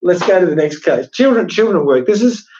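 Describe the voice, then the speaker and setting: A man's voice: high-pitched, lively intonation, fast, darkish tone, dull audio, a little hiss or hum. A man co-hosting a casual podcast on workplace law, chatty and emphatic, posing rhetorical questions as he explains. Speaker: podcast co-host, workplace lawyer. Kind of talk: casual legal discussion podcast.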